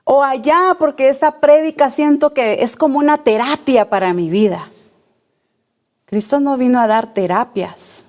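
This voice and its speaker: Her voice high-pitched and slightly mellow, a woman delivers a church sermon at a slow, deliberate pace. She keeps returning to key phrases and asks the congregation rhetorical questions.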